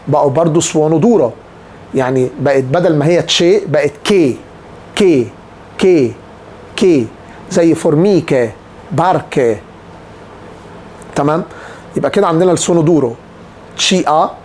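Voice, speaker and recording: A man's voice: on the high side, darkish tone, slight background noise. A man with an Egyptian Arabic accent teaching a language lesson, patiently repeating example words to drill pronunciation. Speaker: Italian teacher.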